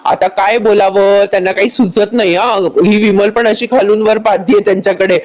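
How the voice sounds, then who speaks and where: A woman's voice: medium pitch, fairly even intonation, normal speed, darkish tone, rough recording. A woman narrating a TV serial recap, chatty and speaking to viewers. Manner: chatty, addresses viewers directly.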